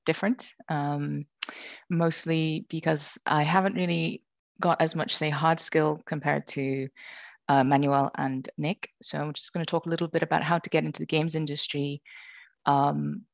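A woman's voice: low voice, little pitch movement, normal speed, gravelly, no room sound. A woman in her thirties from England, giving a friendly, self-deprecating panel talk over a video call on a headset. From England (born in Wales, grew up in Liverpool). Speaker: games industry panelist. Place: small room indoors.

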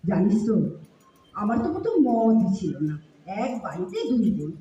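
A woman's voice: mid-range voice, expressive, moderate pace, warm tone, close to an everyday voice. A woman playing a timid, fretful middle-aged aunt in an audio drama. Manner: anxious, plaintive, fretful. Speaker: radio drama actor. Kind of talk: Bengali audio drama acting. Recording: dull distant echoey room with faint hiss.

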